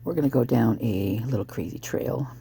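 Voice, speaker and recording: A hoarse true crime commentator speculating casually and thinking aloud, breaking into exclamations at sudden ideas. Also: mid-range voice, moderate pace, mellow, a little hiss or hum.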